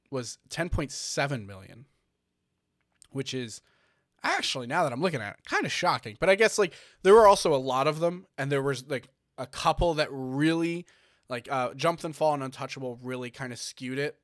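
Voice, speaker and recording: A man's voice: medium pitch, lively intonation, normal speed, no echo, studio quality. A man co-hosting a casual chat show, rambling with lots of fillers and restarts as he reads out figures. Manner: rambling, many fillers and restarts, reading numbers. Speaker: podcast co-host.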